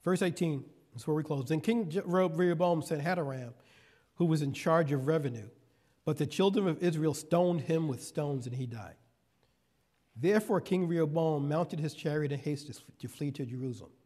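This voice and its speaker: Man, guest preacher, fairly high voice, reads scripture, folksy asides, repeats key phrases. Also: moderate pace, dark tone. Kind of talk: sermon.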